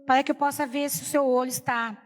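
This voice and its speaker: A woman's voice: high voice, steady tone, fast talker, big-room sound. A woman preacher giving an emotional personal testimony in a sermon, retelling the story with many repeated quotes, speaking Brazilian Portuguese. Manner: storytelling, repeats "falei assim".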